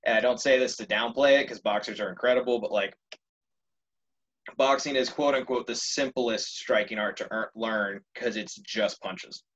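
A young man telling a story in casual conversation, animated and laughing often. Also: mid-range voice, moderate pace, breathy edge, muffled recording.

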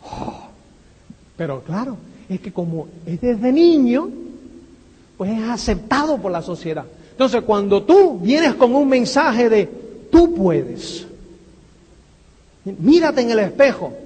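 A man giving a motivational talk, firing rhetorical questions and tagging lines with a quick "eh?". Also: very high-pitched, sing-song, a little mellow, breathy edge. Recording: long hall reverb.

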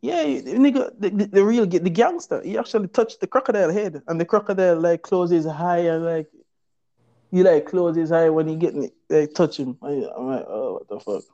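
A man with a Jamaican accent spins a casual, profanity-laced yarn in patois, slipping into quoted voices. His tone is dark and mellow, and the recording sounds dull and lo-fi. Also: sits high, fairly quick. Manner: profane, animated patois storytelling with acted-out quotes. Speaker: storyteller. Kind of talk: casual storytelling chat.

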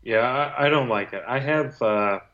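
A man's voice: medium pitch, normal speed, fairly bright tone. Sweary, griping man on slightly muffled audio. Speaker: guest fantasy football league member. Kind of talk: casual chat.

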